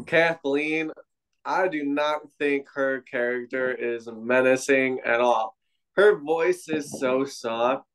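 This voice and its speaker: A man's voice: mid-range voice, slow pace, rough recording. A young man hosting a casual, joking review chat, laid-back and profane. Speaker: podcast host.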